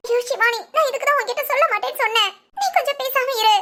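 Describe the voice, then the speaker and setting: A woman's voice: very high voice, fast talker, pushed and bright. A woman voicing a timid young bride-to-be in a cartoon, speaking in a weepy, pleading way. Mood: tearful. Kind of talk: cartoon voice acting.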